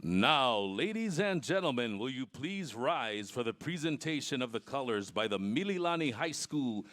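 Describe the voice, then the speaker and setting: A man's voice: medium pitch, big pitch swings, normal speed, a bit bright. A man giving a formal, ceremonial public address in the manner of an echoing stadium announcer. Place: stadium public address at an outdoor marching band festival.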